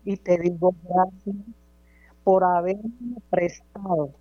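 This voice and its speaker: A middle-aged woman, a radio show caller speaking over a phone line, giving a halting, devout personal testimony. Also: fairly low pitch, no room sound. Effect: caller's voice heard over a phone line on the radio. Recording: dull lo-fi phone line with mains hum.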